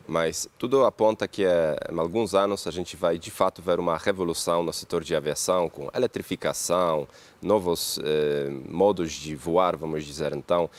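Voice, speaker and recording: A man from Poland with a Polish accent, a company CEO interviewed as a guest, talking in a pragmatic, optimistic, measured way. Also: low-pitched.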